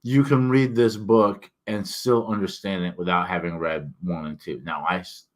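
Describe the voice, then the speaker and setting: A man talking casually and haltingly to viewers as an author, his words thick from a swollen tongue and a sore mouth and throat. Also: sits low, fairly even intonation. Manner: halting, rambling, self-interrupting. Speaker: author and book reviewer. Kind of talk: casual solo vlog talk.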